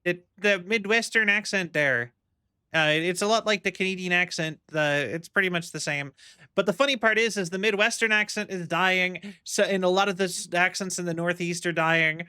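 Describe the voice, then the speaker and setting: A man's voice: high-pitched, normal speed, sharp tone, clean tone, no echo. Rambling young male streamer, dry close mic. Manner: rambling, musing, many fillers. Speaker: livestreamer. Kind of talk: casual chat while gaming.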